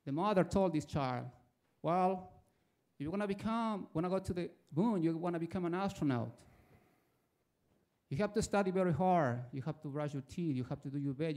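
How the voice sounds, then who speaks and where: In a fairly high, slightly mellow voice, a man in his forties speaks briskly from the audience with an Ecuadorian Spanish accent. He is from Ecuador and tells a prepared personal story before putting his question forward.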